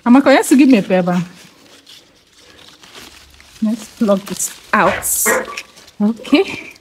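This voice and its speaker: A young woman with a Nigerian accent excitedly showing guavas to the camera while picking them outdoors, repeating herself often. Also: on the high side, slow pace, background noise. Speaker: vlogger. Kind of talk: casual vlog narration.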